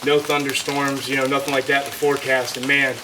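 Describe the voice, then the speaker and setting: A man's voice: mid-range voice, flat delivery, a little fast. A man sheltering in a cave, telling a hiking story to camera with lots of fillers, his voice echoing off the rock. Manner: rambling, heavy on fillers. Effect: cave echo. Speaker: hiker filming a vlog. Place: shallow cave in the woods, sheltering from a thunderstorm. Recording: echoey cave, distant mic, loud rain noise. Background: heavy rain.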